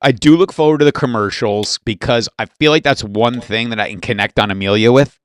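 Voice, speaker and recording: A man co-hosting a casual podcast chat, talking loudly and excitably. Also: mid-range voice, a little fast, clear, resonant tone, dry recording, studio quality. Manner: loud, excitable, lively delivery. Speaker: podcast co-host. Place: small room, podcast recording.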